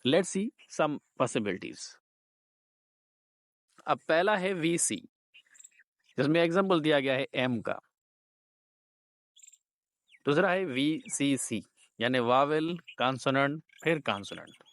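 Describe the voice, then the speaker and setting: A man teaching linguistics in a slow, deliberate lecture, mixing Hindi and English. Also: fairly high pitch, lively intonation, fairly bright tone, no room sound, clean studio sound. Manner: slow, deliberate explaining, words drawn out.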